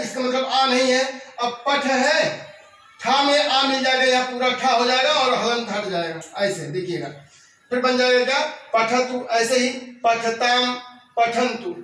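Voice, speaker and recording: A man teaching a classroom grammar lesson, reciting verb forms slowly and explaining each step. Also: very high-pitched, flat delivery, bright, forceful tone, slight background noise. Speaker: Sanskrit teacher. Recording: echoey room, voice from a distance.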